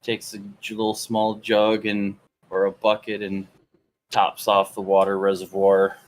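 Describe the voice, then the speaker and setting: A man playing in a tabletop game, calmly describing his character's actions in the third person. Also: lowish voice, measured pace. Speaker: player. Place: online voice call.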